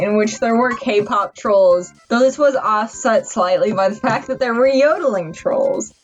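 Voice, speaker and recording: A woman's voice: medium pitch, lo-fi sound. A drunk woman giving a casual, rambling review from notes, stumbling over her words with mock-earnest seriousness. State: tipsy, drunk. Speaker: amateur movie reviewer.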